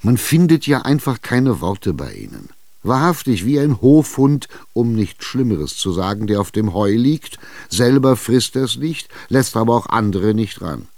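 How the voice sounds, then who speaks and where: A man's voice: mid-range voice, sing-song, a little slow, vocal fry, a little mellow, no room sound, voice pushed up. A man playing a pushy, exasperated schemer. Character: impatient, scheming middle-aged male buyer. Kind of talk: radio drama reading.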